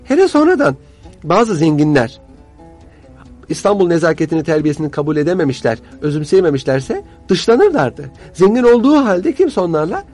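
A man's voice: fairly high pitch, very animated, normal speed, a little mellow, soft background music. A man, a guest historian telling stories in a studio conversation, using courtly old-fashioned phrasing.

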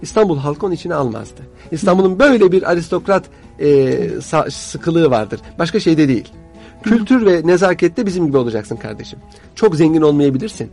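A man's voice: fairly high pitch, big pitch swings, brisk, darkish tone, soft background music. A man, a guest historian telling stories in a studio conversation, using courtly old-fashioned phrasing.

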